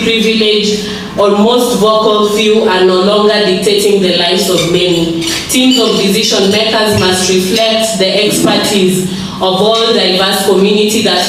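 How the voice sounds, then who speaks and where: A woman with a Kenyan accent gives a formal podium speech from prepared text, in a halting, measured delivery. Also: mid-range voice, fairly bright tone. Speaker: speaker at a health programme launch. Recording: echoey venue, distant microphone, faint noise.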